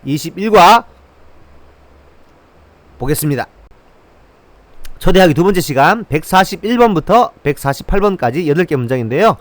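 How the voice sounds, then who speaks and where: A man teaching a language lesson, drilling short phrases slowly and repeating them. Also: a little high, lively intonation, no echo. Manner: slow drilled repetition of phrases.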